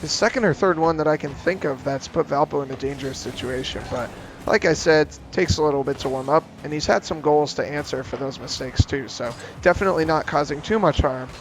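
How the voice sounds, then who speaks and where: A man calling esports play-by-play, giving a brisk, steady account of the action. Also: a little high, noisy background. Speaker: play-by-play caster.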